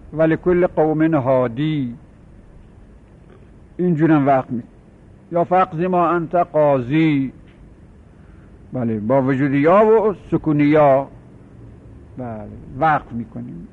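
A middle-aged Iranian man teaching a class, explaining step by step, repeating key words and slowing down to recite examples. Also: on the high side, narrow, tinny audio. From Iran. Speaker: seminary teacher. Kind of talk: classroom lecture on Arabic grammar.

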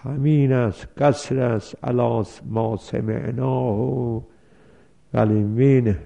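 Gravelly dark-voiced man teaching law. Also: mid-range voice. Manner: reads Arabic text then explains it, with worked examples. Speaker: seminary teacher. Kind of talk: religious law lecture. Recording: dull lo-fi recording.

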